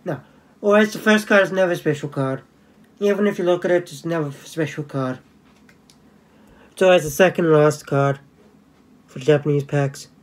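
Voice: mid-range voice, normal speed, pauses often. A channel host giving casual, joking commentary while opening cards indoors, humming little sound effects between cards.

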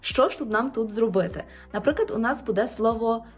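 A woman language teacher giving a pronunciation lesson, slowly repeating example words in a clear, instructive way. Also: on the high side, faint music behind. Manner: slow, drawn-out repetition of example words.

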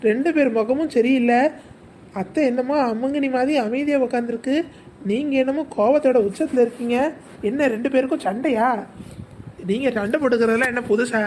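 A woman's voice: fairly high pitch, warm tone, a little hiss or hum, natural voice. Woman voicing a bold outspoken young daughter-in-law. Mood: teasing. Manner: brisk, teasing, outspoken. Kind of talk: Tamil cartoon voice acting.

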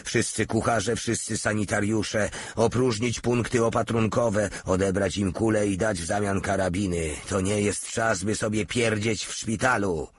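A man voicing a foul-mouthed, hysterical one-eyed German general who shouts and curses. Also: lowish voice, steady tone, moderate pace, hardly any pauses, husky, no room sound. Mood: furious.

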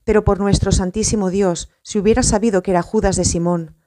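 A woman voicing a bold male apostle who talks in a forceful, scheming way. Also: medium pitch, fairly even intonation, brisk, lightly acted. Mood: urgent.

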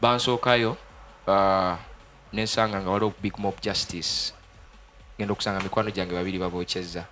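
A man's voice: deep voice, steady tone, sharp tone, faint music behind. A young Ugandan man with a Ugandan accent, a gospel musician giving his testimony in a TV studio interview on a handheld mic, earnest and switching between Luganda and English. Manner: earnest, fast-talking, mixes Luganda and English.

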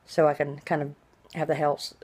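Low-voiced woman with drawn-out, hissing s sounds. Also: flat delivery, darkish tone, slightly rough. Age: middle-aged. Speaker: vlogger. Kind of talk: casual personal video diary. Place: small indoor room at home.

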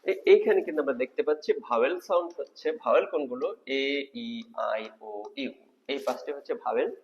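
A man teaching English grammar in a video lecture, explaining step by step and asking the class rhetorical questions. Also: mid-range voice. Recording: long reverb of a hall.

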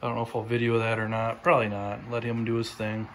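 A man giving a relaxed, plain-spoken update while filming his own project in a home garage on a handheld phone. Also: mid-range voice, fast, slight background noise. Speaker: tractor restoration vlogger. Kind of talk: casual workshop update. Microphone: handheld phone camera, filming while talking.

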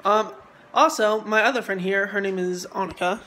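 A tired young man vlogs casually into a phone held at arm's length, moving between car, mall and home. His high, sharp voice keeps a steady tone and moderate pace as he mumbles, trails off and says um a lot, over a rough recording with slight background noise.

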